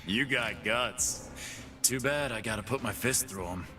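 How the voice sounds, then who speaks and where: A man's voice: medium pitch, measured pace, close to an everyday voice. Sett, a man voicing a swaggering fight-pit boss. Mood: cocky. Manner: gruff, boastful trash talk. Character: cocky brawling male fight-pit boss, swaggering tough. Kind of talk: game voice lines. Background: game music.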